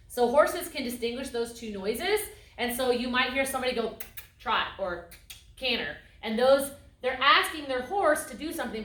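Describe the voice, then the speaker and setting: A woman instructor giving a calm, explanatory lecture on horses, acting out voice tones as she goes. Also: a little high. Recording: echoey room, mic at a distance.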